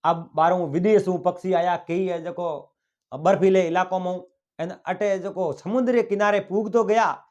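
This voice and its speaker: Man, Marwari accent, folk storyteller, high voice, animated delivery. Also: moderate pace, lo-fi sound. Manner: animated, voices characters with rising pitch. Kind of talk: oral folk tale narration.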